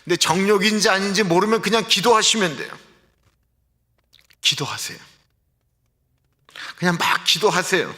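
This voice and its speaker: Bright-voiced man preaching in a reverberant hall. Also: a little high. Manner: conversational preaching with rhetorical questions. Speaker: pastor. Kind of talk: sermon. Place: church sanctuary. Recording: livestream in a reverberant church hall.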